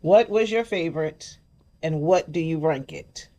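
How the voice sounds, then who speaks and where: A woman's voice: sits low, a little slow, dark tone. An older woman hosting a casual chat, chatty, sometimes reading package text aloud. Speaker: host.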